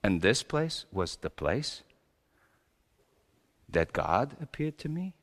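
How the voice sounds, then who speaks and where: Male performer as wry, exasperated old-world carpenter, comic stage monologue, unhurried and very animated, big reverberant hall. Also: lowish voice, heavily acted. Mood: wry, confiding. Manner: theatrical, swinging between hushed asides and shouted exclamations. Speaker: storyteller preaching in character. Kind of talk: comic dramatic monologue to a congregation.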